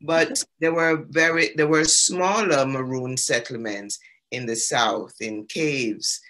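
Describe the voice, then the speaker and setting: Bright-voiced Caribbean man explaining. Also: mid-range voice, takes it slowly. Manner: storytelling, explanatory with frequent ums. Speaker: exhibiting artist. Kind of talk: online gallery talk.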